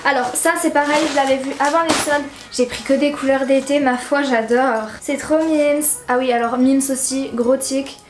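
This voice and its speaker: A woman's voice: sits high, fairly even intonation, moderate pace, hardly any pauses, reverberant, soft background music. A teenage girl from southern France chatting casually in a haul vlog, rambling and slangy with lots of fillers. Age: teens. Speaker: YouTuber.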